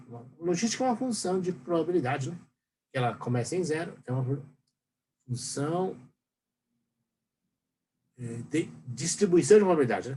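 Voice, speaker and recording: A Brazilian professor giving a recorded lecture, rambling and tagging questions onto most sentences. His pitch swings widely as he explains, and a faint hiss of background noise sits under his voice. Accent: Brazilian Portuguese. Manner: rambling, full of fillers and tag questions. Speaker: university professor.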